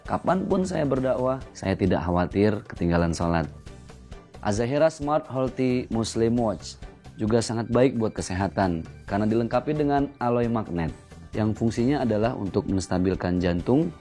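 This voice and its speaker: A man's voice: fairly low pitch, dark tone. A man who works as a preacher, delivering a scripted infomercial testimonial. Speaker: preacher giving a product testimonial. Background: music.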